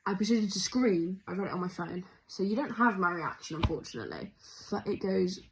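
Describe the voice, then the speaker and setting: A young woman vlogger talks in a chatty, excitable rush, full of fillers and quick restarts. Her pitch sits in the middle of the range. There is a faint hiss of noise behind her. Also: poor audio. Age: young adult. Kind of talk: casual video diary.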